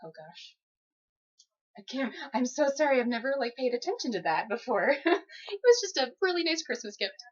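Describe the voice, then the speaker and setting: High, husky and sing-song, a young woman's voice moves at a moderate pace as she answers a phone interviewer's questions for a job. She's courteous, laid-back and giggly, and the recording is dull and lo-fi.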